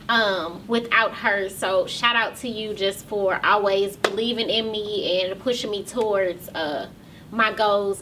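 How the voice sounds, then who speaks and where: A woman's voice: mid-range voice, recorded from a distance, background noise. A woman hosting her own podcast and talk show, speaking casually to viewers in a loose, chatty way with many ums, close to tears.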